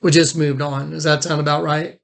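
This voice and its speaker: The man's fairly high voice is gravelly and a bit bright, with a level tone and a fairly quick pace. Hosting a recorded phone conversation, he keeps things informal, conversational, and a little meandering.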